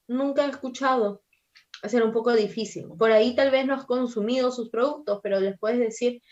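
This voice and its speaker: Peruvian woman coaching students, often asking "¿sí?". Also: fairly high pitch. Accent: Peruvian Spanish. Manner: checks in with frequent "¿sí?" and "¿ok?". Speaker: employability coordinator giving a webinar. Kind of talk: webinar talk to students. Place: home or office, recorded over a video call. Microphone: computer or headset mic on a video call. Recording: dull lo-fi webinar audio.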